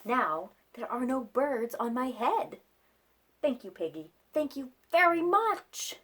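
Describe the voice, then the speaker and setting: A woman voicing an excitable, easily flustered storybook elephant with dramatic, exclamatory questioning. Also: high-pitched, slow pace, heavily acted. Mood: polite relief.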